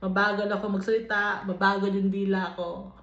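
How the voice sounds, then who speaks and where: A woman with a Filipino accent leading a Bible study, reading verses aloud and then explaining them in an unhurried way, switching between English and Tagalog. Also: mid-range voice, little pitch movement, fairly bright tone. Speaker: Bible teacher. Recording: dull, lo-fi recording in an echoey room.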